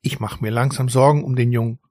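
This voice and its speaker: A man's voice: medium pitch, fairly even intonation, fast talker, no echo, clean studio sound, lightly acted. A man doing a worried storybook mother. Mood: concerned. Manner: gentle, concerned. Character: caring, slightly worried mother.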